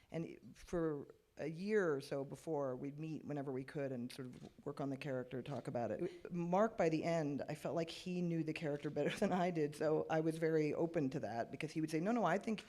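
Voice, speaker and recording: A panelist on a festival film panel speaks earnestly in a slightly high voice. The talk is reflective and warm-toned in content, with the odd filler and restart. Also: male voice. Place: cinema cafe panel.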